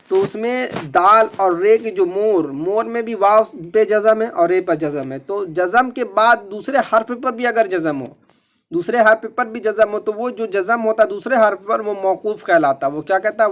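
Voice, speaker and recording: A man's voice: sits high, fairly bright tone. A man teaching an exam-preparation lesson in a methodical way, repeating each question and its answer.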